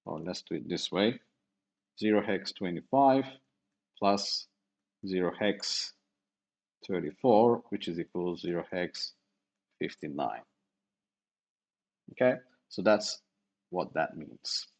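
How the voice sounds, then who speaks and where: Slow, lively-pitched male lecturer. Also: vocal fry. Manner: slow, explaining step by step with fillers and self-corrections. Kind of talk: university lecture.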